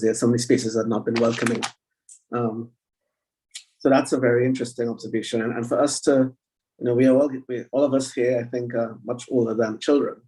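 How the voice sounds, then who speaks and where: Middle-aged Trinidadian man as panel moderator, dark gravelly voice, a little far from the mic. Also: mid-range voice. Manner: hesitant, many restarts and fillers. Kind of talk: online panel discussion. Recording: distant from the mic.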